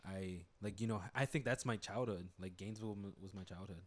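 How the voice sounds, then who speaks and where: A young American man with a low, fairly quick voice co-hosts a podcast. He chats loosely, cracking jokes, swearing, and using lots of fillers.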